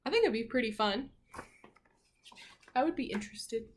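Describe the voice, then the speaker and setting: A woman teacher with a fairly high voice reads expressively from a picture book for young children, with a little hiss or hum in the audio. She keeps pausing to point out things in the pictures and ask the kids questions.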